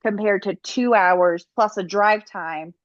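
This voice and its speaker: A woman's voice: mid-range voice, slow pace, dry recording. Chatty young woman, dull dry sound. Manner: chatty, rambling, stumbles over words. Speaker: podcast co-host. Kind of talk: casual chat.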